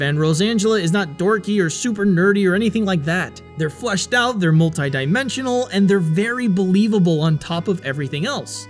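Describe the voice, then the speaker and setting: A man delivering a scripted video game review in an opinionated, sarcastic way, with the odd swear. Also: high voice.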